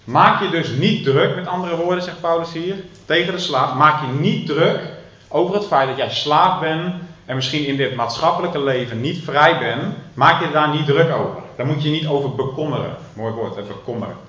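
A man giving a sermon in Dutch, explaining a Bible passage in a teaching manner, with frequent hesitations and slow, stressed emphasis on key phrases. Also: a little high, bright, forceful tone. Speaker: preacher. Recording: echoey room, muffled lo-fi sound.

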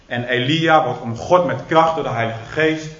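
A man's voice: medium pitch, normal speed. Male preacher, sermon storytelling, dramatic emphasis, echoey church hall, dull lo-fi sound. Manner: animated storytelling, dramatic emphasis, hesitant fillers. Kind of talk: sermon retelling a Bible story. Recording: roomy, dull recording.

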